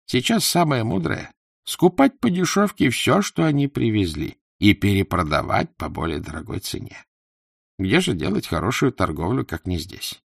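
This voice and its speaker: A man's voice: lowish voice, sing-song, gravelly, breathy edge, dry recording, studio quality, pitched above the performer's own voice, exaggerated voice. A man voicing a plaintive, wheedling older male merchant held as a slave, sighing and complaining as he talks. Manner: whiny, sighing, fast-talking complaints.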